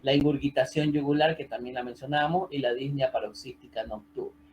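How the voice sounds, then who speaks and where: A man's voice: mid-range voice, fairly even intonation, fairly quick, darkish tone, low-quality recording. A man giving an online medical lecture over a video call, explaining step by step and often checking in with his students. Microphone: computer mic on a video call.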